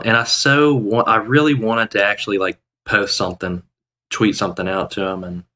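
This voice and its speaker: Speaking into a headset indoors at home, a thirtysomething man rambles through a day-trading live stream, full of fillers and restarts. His fairly low voice has a sharp edge.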